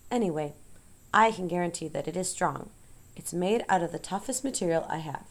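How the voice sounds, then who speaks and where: A woman voicing a wise female spider who is weak and fading, speaking softly and slowly in an audiobook. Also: on the low side, lively intonation. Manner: soft, slow and tired. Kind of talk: audiobook character voice.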